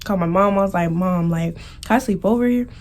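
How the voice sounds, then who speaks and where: In a mukbang video, a young American vlogger chats informally, telling stories and breaking into giggles. She talks fast in a medium-pitched voice with a darkish tone.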